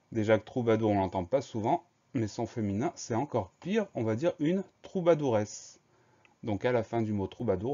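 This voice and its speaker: A man with a fairly low voice teaches a spelling dictation. He spells each word letter by letter and explains its gender, plural and grammar in a patient, methodical way. The recording sounds slightly dull and lo-fi. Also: mellow. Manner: slow, spells words letter by letter.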